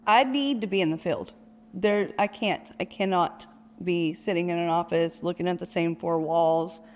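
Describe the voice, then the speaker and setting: Female guest contractor, eager and sincere, a touch low; reverberant room. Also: normal speed. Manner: enthusiastic about her work. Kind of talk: casual interview chat. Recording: long reverb.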